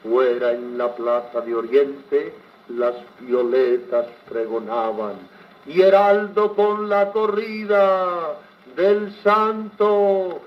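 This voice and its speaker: On a crackly 78 rpm record, a poetry reciter with a Spanish accent from Spain declaims verse in a theatrical 1940s dramatic style. His voice is a little high and very slow, with the highs cut off.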